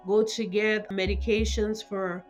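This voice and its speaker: Soft background music plays under a mid-range voice that is a little slow and shows little pitch movement. The speaker, a middle-aged Cameroonian mental health nurse practitioner, is an interview guest talking informally, her speech peppered with "you know" and other fillers.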